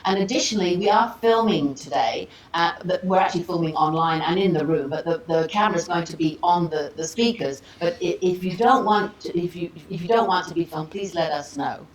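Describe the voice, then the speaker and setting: Opening an academic symposium, a woman welcomes the audience in a seminar room, speaking informally and conversationally with casual asides. Her low-ish voice moves fairly quickly with hardly any pauses, captured on a worn microphone with roomy echo and audible background noise.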